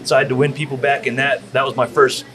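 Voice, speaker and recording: A man's voice: mid-range voice, little pitch movement, quick pace, noisy background. A man from Texas, a former pro wrestler, telling rambling, profanity-laced stories as a guest in a barbecue restaurant. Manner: profane, rambling, full of fillers. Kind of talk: casual storytelling.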